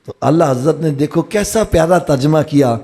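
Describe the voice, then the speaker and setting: A man with a Pakistani Punjabi accent preaching a sermon at a live religious gathering, moving from low explaining to high shouted exhortation. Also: animated.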